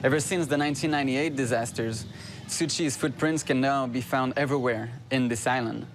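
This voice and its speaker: A man's voice: medium pitch, brisk, a little hiss or hum. A man presenting a documentary news program, giving a formal scripted sign-off from on location. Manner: steady, formal delivery. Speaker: reporter and presenter. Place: on location abroad. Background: guitar music.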